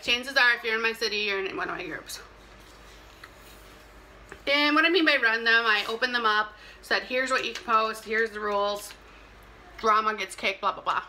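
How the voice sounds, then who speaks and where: A young woman talks casually to the camera while eating, telling things in an animated way between bites. Her voice is fairly high and very bright, with a sharp edge. There is clear noise behind her in a simple indoor recording. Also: rough recording. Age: young adult. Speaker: mukbang vlogger. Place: small plain indoor room. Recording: clear background noise, clicks.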